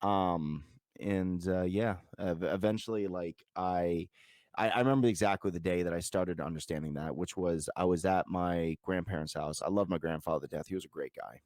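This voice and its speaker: Low-voiced New man telling stories. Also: moderate pace, a little mellow, dry recording, clean studio sound. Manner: rambling, profane, lots of filler words. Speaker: podcast guest. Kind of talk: casual storytelling chat.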